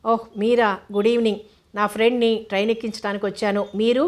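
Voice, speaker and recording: A woman's voice: fairly high pitch, fast talker, lightly acted. A woman reading the lines of a frank, cheerful young woman student in an audiobook novel. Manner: frank, lively chatter.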